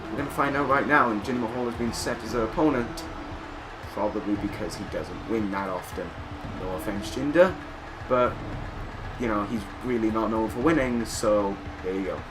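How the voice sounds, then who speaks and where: A man's voice: on the low side, normal speed, background noise. A man doing wrestling commentary on a video game in a conversational, self-correcting way.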